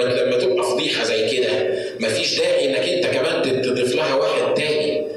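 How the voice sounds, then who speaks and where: A man with an Egyptian Arabic accent preaching a sermon in a church hall, emphatic, breaking into high-pitched outbursts and rhetorical questions. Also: far from the mic, slight background noise. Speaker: pastor. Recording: echoey hall, voice from afar.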